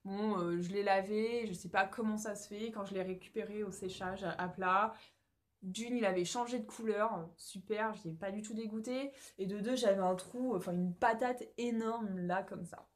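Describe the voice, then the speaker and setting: A woman's voice: mid-range voice, steady tone, moderate pace. A young French woman chatting casually to her camera about knitting, rambling with lots of fillers and restarts, recorded at home on a phone or camera. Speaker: knitting vlogger.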